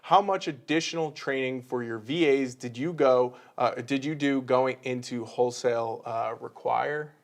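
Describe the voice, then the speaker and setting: A man's voice: medium pitch, normal speed, few pauses. A man hosting a live stream who reads viewer questions aloud, laughs often, and explains business steps in a teaching tone. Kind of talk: casual live-stream chat, reading out viewer comments.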